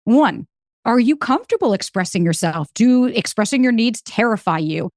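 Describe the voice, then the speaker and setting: A woman guest on a podcast, telling stories and giving dating advice in a lively, emphatic way. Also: on the high side, no echo, studio quality. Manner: animated storyteller, fast and emphatic. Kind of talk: casual interview chat.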